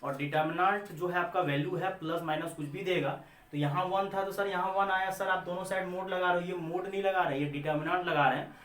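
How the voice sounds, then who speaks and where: Recorded from afar in an echoey room, this Indian-accented maths teacher speaks fairly quickly in a high, fairly bright voice with fairly even intonation. He repeats points, asks and answers his own questions, and addresses his students as children.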